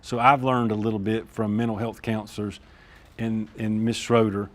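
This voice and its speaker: A man's voice: fairly low pitch, level tone, moderate pace. A man, a school district administrator explaining discipline procedures at a staff meeting in an informal way, often checking in with "all right?".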